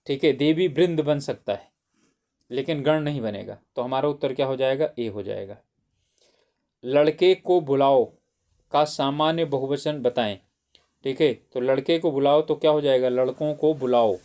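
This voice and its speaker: A man's voice: mid-range voice, moderate pace, dark tone. A man teaching an exam-prep grammar lesson, who keeps asking questions and answering them himself, often saying "theek hai".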